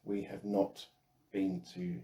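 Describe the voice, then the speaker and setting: Deep-voiced man in an echoey room. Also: little pitch movement, takes it slowly, creaky, dark tone. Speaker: paranormal research group member. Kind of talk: casual panel discussion. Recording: roomy echo with faint noise.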